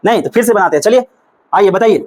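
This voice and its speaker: A man whose voice sits high and a little mellow, with lively intonation, talks fast as he teaches a classroom reasoning lesson in a Bihari Hindi accent. On this low-quality recording, he patiently coaxes the room with repeated questions and goes over the puzzle step by step.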